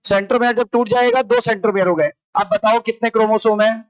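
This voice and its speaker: A man's voice: sits high, fairly even intonation, fast, dry recording, muffled recording. A man with an Indian accent teaching a biology class, firing the same question at students again and again. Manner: repetitive question-and-answer drilling. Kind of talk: classroom lecture. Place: coaching classroom.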